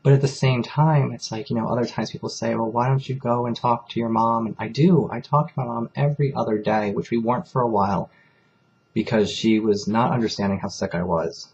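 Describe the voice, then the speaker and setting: A man's voice: mid-range voice, fairly even intonation, a little fast, darkish tone, dull audio. A man talking candidly in a personal confessional vlog, rambling and emotional as he speaks. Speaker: vlogger.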